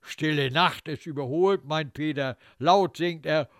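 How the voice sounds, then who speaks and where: A man narrating a literary story in a wry, expressive way, slipping into the thoughts of the characters. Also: on the high side, unhurried, no echo, clean studio sound.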